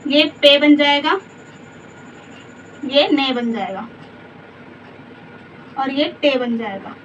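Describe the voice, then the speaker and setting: A woman's voice: high voice, slow, a bit bright. A woman teaching letters step by step, patient and repetitive, often asking simple check questions. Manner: patient, repeats letters and asks rhetorical checks. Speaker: Urdu teacher. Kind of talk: slow step-by-step letter lesson. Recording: distant mic, dull lo-fi sound, faint room noise.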